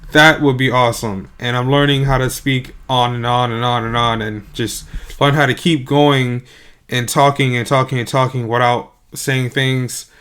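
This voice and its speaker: A man's voice: medium pitch, a bit bright, clean tone. A young man live-streaming his game development at night, sleepy, his voice a little worn, rambling and hesitant with many fillers. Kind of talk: casual live-stream talk.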